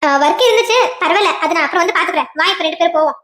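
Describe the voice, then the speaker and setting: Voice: extremely high pitch, very fast, bright, forceful tone, roomy sound. A woman voicing a bossy, gossiping young female friend in a cartoon, scolding and teasing with a Kanyakumari Tamil accent. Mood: gossipy.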